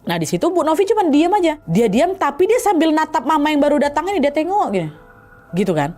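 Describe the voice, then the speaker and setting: A woman's voice: sits high, sing-song, fast talker, a little mellow, faint music behind. A woman telling a horror story in a chatty, dramatic way, talking straight to her listeners. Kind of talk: casual spoken horror storytelling.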